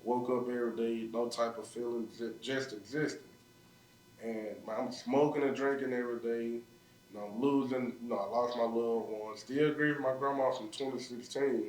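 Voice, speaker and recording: A man's voice: mid-range voice, steady tone, normal speed, darkish tone, slight background noise. A man with a Memphis Southern accent, a podcast guest telling a personal story in a raw, emotional way, leaning on "like" as he talks. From Memphis, USA. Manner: raw, emotional, frequent "like" fillers. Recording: roomy sound, mic at a distance.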